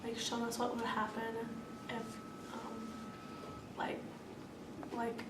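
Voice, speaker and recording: A teenage girl talks casually with lots of "like" fillers, in a fairly high, flat voice. The sound is roomy and distant, under loud background noise. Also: slow. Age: teens. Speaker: student. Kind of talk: interview reaction.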